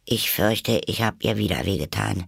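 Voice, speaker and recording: A man's voice: on the low side, normal speed, gravelly, breathy edge, no room sound, studio quality, heavily acted. A man voicing an eager, polite little girl in a storybook reading, chattering anxiously and apologizing.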